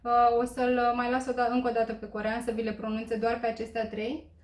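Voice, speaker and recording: A woman teaching a language lesson, explaining slowly with many filler pauses and checking in with listeners. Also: a little high, completely flat delivery, a little mellow. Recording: echoey room.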